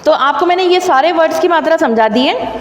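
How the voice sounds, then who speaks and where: A woman's voice: very high-pitched, lively intonation, a little fast. A woman teacher giving a patient classroom lesson, explaining step by step and quizzing her pupils. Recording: echoey room with faint background hiss.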